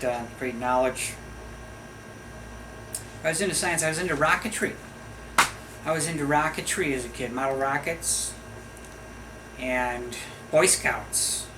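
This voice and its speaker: A middle-aged man from the United States hosting a video, talking in a casual, rambling monologue full of wandering, jokey asides. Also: medium pitch. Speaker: video host. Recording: steady background noise.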